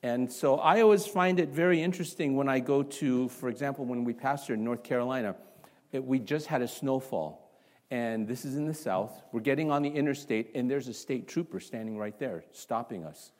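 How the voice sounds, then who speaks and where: A man from Canada preaching a sermon to a congregation in a church, opening with a quiet prayer, then asking the listeners one rhetorical question after another in an animated way. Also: medium pitch, fairly quick. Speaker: pastor.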